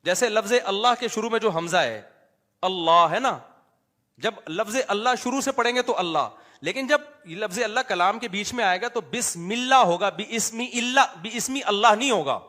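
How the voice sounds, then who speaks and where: A middle-aged man preaching an informal sermon, talking in a conversational way that moves between quiet asides and emphatic teaching. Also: high voice. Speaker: Islamic preacher. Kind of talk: informal sermon with live audience address.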